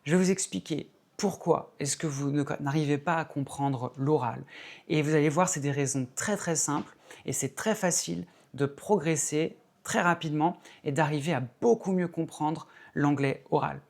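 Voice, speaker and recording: Woman, deep voice for a woman, English teacher, patient, clear explanations, repeats words for emphasis. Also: moderate pace, a little mellow. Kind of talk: explanatory video lesson.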